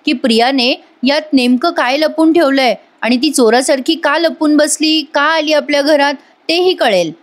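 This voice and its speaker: A woman's voice: high voice, moderate pace, pitched above the performer's own voice, natural voice. A woman reading the part of a worried, determined young wife asking anxious questions, in a raised voice.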